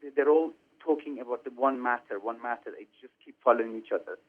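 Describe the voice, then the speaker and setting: Halting Iranian-born man on a phone line. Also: mid-range voice. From Iran. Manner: halting, many fillers and restarts. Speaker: film director. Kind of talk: interview over the phone.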